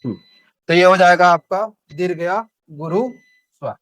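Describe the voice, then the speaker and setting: A man's voice: high voice, a little slow, fairly bright tone, dry recording. A young man teaching Hindi grammar in a classroom, with a Chhattisgarhi Hindi accent, who asks the class questions and answers them himself.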